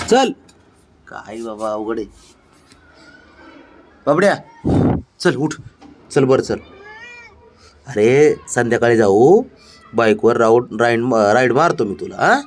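A man talking to his pet cat in a coaxing, cooing pet-talk manner, gently pleading and scolding. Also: medium pitch.

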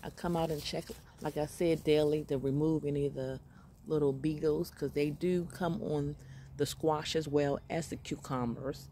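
A woman with a lowish, mellow voice walks through her outdoor container garden, filming on a phone held close. She chats in an upbeat, grateful way, pausing often and filling the gaps with little fillers. Faint outdoor ambience sits behind her. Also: steady tone, slight background noise. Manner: upbeat and grateful, chatty with many pauses and fillers. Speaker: home gardener giving a garden tour. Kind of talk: casual walk-through narration. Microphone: phone camera held close while filming plants.

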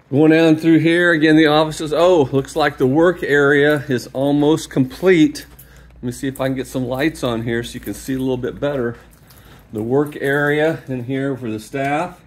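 A man giving an enthusiastic, rambling walkthrough of a new church and school building, filming on a handheld phone as he walks the empty halls and gym. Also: fairly high pitch. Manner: enthusiastic, rambling, often drops to a mutter. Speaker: parish staff member giving a building tour. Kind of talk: casual walkthrough narration. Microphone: handheld phone camera, speaker off screen.

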